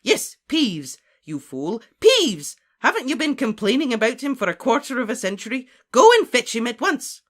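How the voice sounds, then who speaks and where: An audiobook narrator voicing a stern, commanding woman professor of witchcraft, crisp and imperious, in a storybook reading. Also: medium pitch, big pitch swings, fairly quick, fairly bright tone, voice pushed up. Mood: exasperated, commanding.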